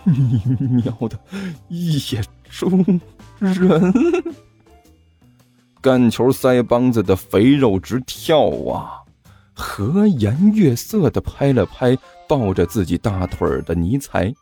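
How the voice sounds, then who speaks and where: A man, narrating a comic audiobook in a lively storytelling manner. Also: mid-range voice, husky, faint music behind. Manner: lively storytelling, slow delivery.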